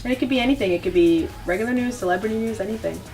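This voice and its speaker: A woman in her thirties interviewing casually as an entertainment reporter, bubbly and quick to laugh. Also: a little high, a little mellow. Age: 30s. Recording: distant mic, club music behind.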